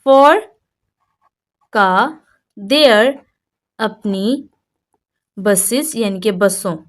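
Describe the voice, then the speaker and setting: Woman teacher slowly reading out English. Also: medium pitch, animated. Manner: reads English phrases very slowly, then explains them in quick Hindi-Urdu; repeats words and says "yaani ki" often. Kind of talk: slow classroom-style vocabulary lesson.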